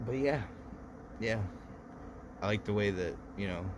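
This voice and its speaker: Man, thirties, livestream host, low pitch, tipsy, rambling, profane. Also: measured pace, noisy background. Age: 30s. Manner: loose, profane storytelling. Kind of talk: casual rambling chat.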